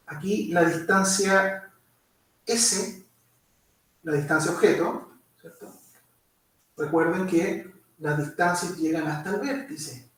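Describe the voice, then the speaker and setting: A man giving a physics lecture, walking through steps and checking understanding with constant tag questions. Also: sits high. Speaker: physics teacher. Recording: very echoey room, mic far off.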